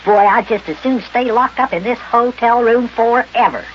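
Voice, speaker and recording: A man's voice: very high-pitched, moderate pace, voice pushed up. A man voicing a small, peevish, childlike boy elf in an old children's radio serial. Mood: sulky, disgusted. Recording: dull, noisy old radio recording.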